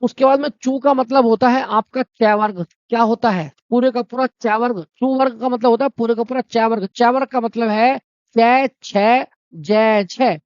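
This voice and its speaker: A man's voice: very high-pitched, steady tone, moderate pace, no room sound. A man teaching a Hindi exam-prep lesson, explaining step by step, asking his own questions and answering them, and calling his students brother and friends. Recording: dry, dull lo-fi sound.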